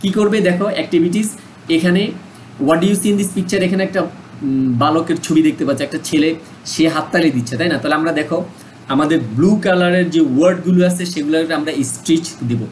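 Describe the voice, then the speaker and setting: Bangladeshi guy teaching english online, bit high voice, faint hiss behind. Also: fast talker, darkish tone, low-quality recording. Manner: mixes Bengali and English, repeats words for practice. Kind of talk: online lesson explanation.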